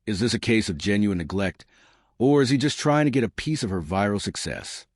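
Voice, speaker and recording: Dramatic low-voiced male commentator. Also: animated, a little fast, a little mellow, no echo, clean studio sound. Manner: dramatic, rhetorical questions. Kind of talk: scripted narration.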